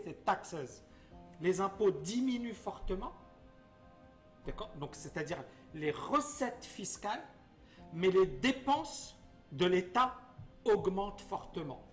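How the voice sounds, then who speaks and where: A man hosting a live teaching stream, quizzing his viewers and explaining things in plain terms. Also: sits high. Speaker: investment educator, host.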